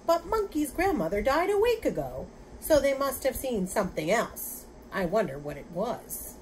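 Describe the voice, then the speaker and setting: A woman's voice: a little high, sing-song, moderate pace, a little mellow, voice pushed up. Storybook wild boar, suspicious busybody, female reader, officious delivery, noisy recording. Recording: clear background noise.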